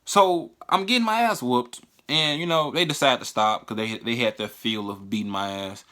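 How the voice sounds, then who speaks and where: Speaking in a sharp, mid-range voice, a male vlogger tells a personal story in a relaxed way. His speech is profane and halting, broken up by frequent restarts.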